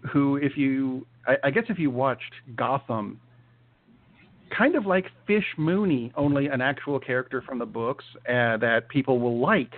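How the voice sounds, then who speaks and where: A man co-hosting a casual chat show, talking with many fillers and restarts. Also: medium pitch. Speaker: podcast co-host. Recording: tinny phone-like sound.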